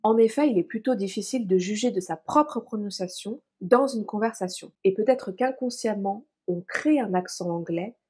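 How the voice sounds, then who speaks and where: A woman from France presents a scripted podcast lesson in a clear, encouraging way. Her voice is warm and mellow, with a soft breathy edge. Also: medium pitch, normal speed, hardly any pauses. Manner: clear, encouraging instruction addressed to listeners. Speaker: language teacher.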